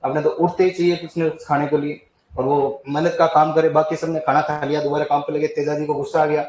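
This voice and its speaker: Throat-clearing man teaching in an echoey room. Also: a little high, little pitch movement, a little fast, a little mellow, a little hiss or hum. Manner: chatty, talks to students with asides and questions. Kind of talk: storytelling lesson on folk deities.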